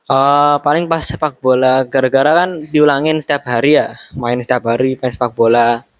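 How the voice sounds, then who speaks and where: A young man from Cikarang, a student being interviewed, who answers in a relaxed, joking way. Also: mid-range voice, moderate pace, no echo. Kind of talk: casual chat.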